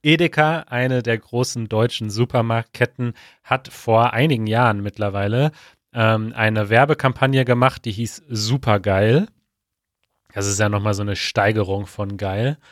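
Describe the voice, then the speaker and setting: A man co-hosting a podcast in casual chat, relaxed and a little hesitant. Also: on the low side, moderate pace, dry recording, clean studio sound. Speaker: podcast co-host.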